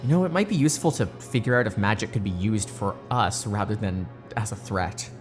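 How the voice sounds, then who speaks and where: A woman playing a weary, easily startled doctor at a secret research site in an audio drama, casual and halting. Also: rumbling low, soft background music. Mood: musing.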